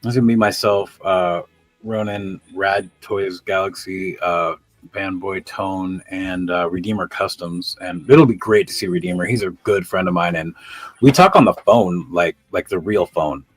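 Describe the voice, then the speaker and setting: A man's voice: low voice, fairly even intonation, measured pace, no echo. A man in his fifties chatting candidly on a livestream as a guest, talkative and freely swearing. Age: 50s. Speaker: guest collector. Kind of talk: casual chat on a charity livestream.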